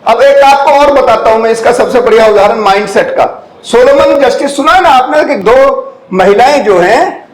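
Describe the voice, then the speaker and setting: An older man from India lectures students with a notably high voice. He drops English phrases into his explanations and keeps checking whether they follow. The hall around him rings with echo. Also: moderate pace. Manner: keeps checking the audience follows, with rhetorical questions. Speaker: guest lecturer. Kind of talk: classroom lecture.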